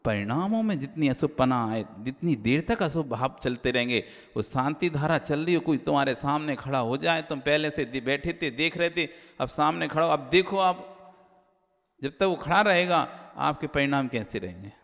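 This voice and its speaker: A man's voice: a little high, moderate pace. A man, a Jain monk, giving a sermon and acting out everyday quarrels in a raised voice. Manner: animated, acts out quarrels in a raised voice. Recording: hall reverb.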